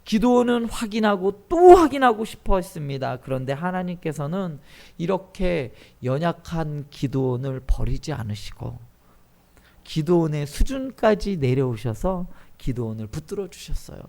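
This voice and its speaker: A man preaching a sermon as pastor, acting out quoted dialogue in animated voices. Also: fairly high pitch, moderate pace, gravelly.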